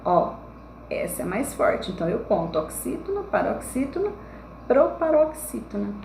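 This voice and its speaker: A young woman teacher giving a recorded online lesson to children, explaining slowly and checking in with frequent tag questions. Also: medium pitch, big pitch swings, gravelly, a little mellow. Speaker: primary school teacher. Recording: echoey room with faint background noise.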